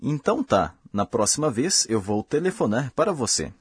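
A man hosting a language course, giving slow, careful, scripted explanations. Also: medium pitch, sing-song, slightly rough, no room sound, studio quality. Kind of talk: scripted lesson narration.

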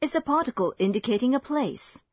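A woman hosting a language lesson, giving clear, measured scripted explanations. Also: on the high side, animated, a little mellow, no echo.

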